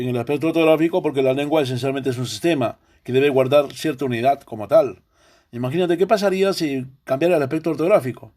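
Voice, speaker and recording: Peruvian man teaching a mellow lesson. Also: medium pitch. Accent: Peruvian Spanish. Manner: explanatory, asks rhetorical questions. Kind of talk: recorded online language lesson.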